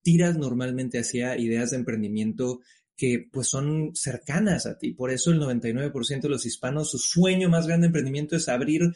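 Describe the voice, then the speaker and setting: A man's voice: medium pitch, a little fast. Mexican man, 30s, guest; easygoing, blunt, casual swearing. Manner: relaxed, frank, swears casually. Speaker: guest entrepreneur. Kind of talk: casual interview.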